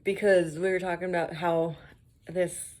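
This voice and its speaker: A woman's voice: fairly low pitch, level tone, unhurried, darkish tone. A woman who works as a mail carrier, telling casual stories for her vlog, swearing, laughing often and acting out the voices of the people she quotes.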